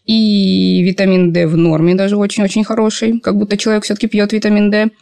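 A woman's voice: medium pitch, flat delivery, fast, gravelly, warm tone, no room sound. A woman speaking as an expert endocrinologist, giving conversational medical commentary in an explanatory, good-humoured way.

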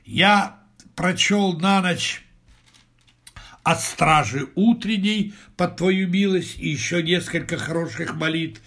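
A man's voice: high voice, slow, a bit bright, exaggerated voice. A man voicing a pious, gullible medieval husband who talks in an earnest, reassuring way.

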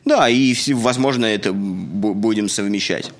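In a relaxed podcast chat, a co-host from Russia, a man in his thirties, talks sincerely with plenty of fillers. His voice is fairly low and his speed normal.

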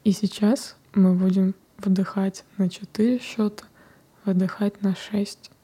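Slow whispering woman guiding breathwork. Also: mid-range voice, breathy edge. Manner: soft whispered, slow and calm. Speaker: meditation guide. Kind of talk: guided breathing meditation.

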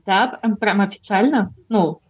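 A young woman with a speech impediment on her r's co-hosts a casual podcast. She speaks at an everyday middle pitch. Her manner is blunt and informal, with free swearing and a habit of cutting in. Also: measured pace, husky, muffled recording. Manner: blunt, swears freely, interrupts. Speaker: podcast co-host.

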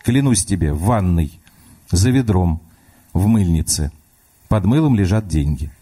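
Man voicing a weary father, mellow husky voice, impatient, pleading. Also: low voice, expressive, a little slow, exaggerated voice. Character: exasperated harried young father.

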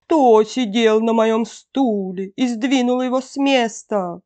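A woman's voice: a little high, slow, pitched above the performer's own voice. Woman doing a grumbling mother bear. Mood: indignant. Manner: growling, less loud. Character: mother bear, grumbling but less fierce.

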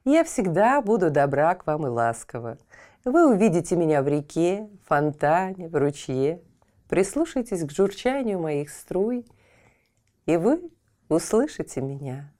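A woman voicing a prim, gentle female water spirit in a children's audio tale, lofty and soothing. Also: on the low side, very animated, a little slow. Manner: haughty then soothing.

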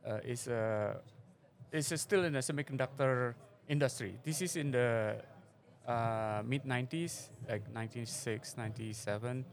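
An interview guest at a conference forum venue, this middle-aged venture investor from Indonesia sounds hesitant, using many fillers and non-native phrasing. His voice is mid-range and his speed normal.

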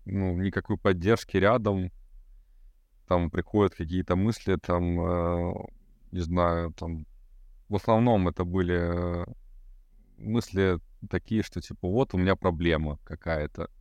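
A man's voice: low-pitched, fairly even intonation, unhurried, a little mellow, dry recording. A man in his thirties, a podcast guest talking casually and hesitantly, with many fillers. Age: 30s. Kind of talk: casual conversation.

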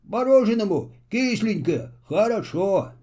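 A man's voice: sits high, lively intonation, a little slow, mellow, pitched above the performer's own voice. A man voicing a good-natured, bearded little male forest wanderer in a children's story, speaking heartily. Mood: hearty. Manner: hearty and exclaiming.

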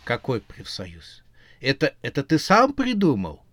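A man voicing an irritable, sharp-tongued young witch who scolds and retorts in exasperation. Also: medium pitch, wildly swooping pitch, unhurried, no room sound. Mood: exasperated.

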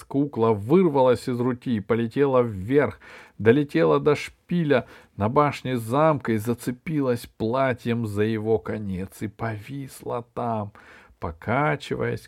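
A man narrates a children's fairy tale at an even pace in a mid-pitched voice. His reading is expressive and clear, in the manner of an audiobook. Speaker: audiobook reader. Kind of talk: storybook narration.

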